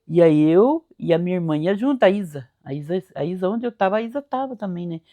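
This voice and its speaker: Older lady from the countryside, lowish voice, rambling folksy memories. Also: expressive, a little fast, phone-quality sound. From Brazil. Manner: folksy, repetitive, acts out quoted voices. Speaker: storyteller. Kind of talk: spoken life memories.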